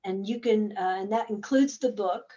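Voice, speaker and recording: A woman therapist hosting a webinar, explaining her methods slowly and casually. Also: medium pitch, dark tone, muffled recording.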